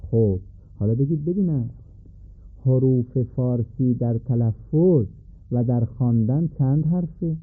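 A man teaching a recorded lesson, speaking in a measured way and putting questions to his listeners. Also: mid-range voice, breathy edge. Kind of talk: recorded lesson on letter pronunciation. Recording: phone-like narrow band recording.

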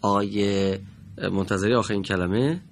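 A man teaching Quran recitation to a class, patiently correcting and praising students and slowly modeling the verses. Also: fairly low pitch, steady tone, slight background noise. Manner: drawn-out slow recitation when modeling verses. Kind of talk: classroom lesson with students reading aloud.

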